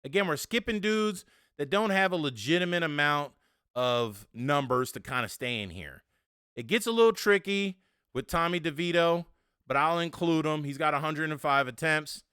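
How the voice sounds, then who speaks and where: A man hosting a sports podcast, talking casually with animated, annoyed rhetorical questions. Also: a little high, normal speed, clear, resonant tone, no echo, clean studio sound. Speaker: podcast host.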